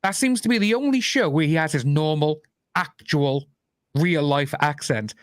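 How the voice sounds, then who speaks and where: A man's voice: fairly high pitch, normal speed, no room sound. Rambling Welsh man in dry close sound. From Wales. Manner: rambling, many restarts and fillers. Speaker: podcast host. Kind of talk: casual chat.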